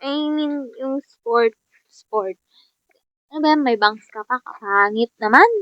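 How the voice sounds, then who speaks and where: Young Filipina gamer, high voice, slow teasing chatter, dull lo-fi dry mic. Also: female voice, no echo. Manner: chatty, teasing, talks to herself and viewers, laughs often. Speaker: gaming vlogger. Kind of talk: casual gameplay commentary. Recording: dull lo-fi sound.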